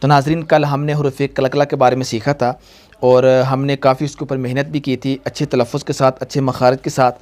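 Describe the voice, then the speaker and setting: A man's voice: mid-range voice, flat delivery, brisk, a little mellow. A young man teaching a tajweed lesson, patient and repetitive, quizzing his pupils. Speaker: Quran reading teacher.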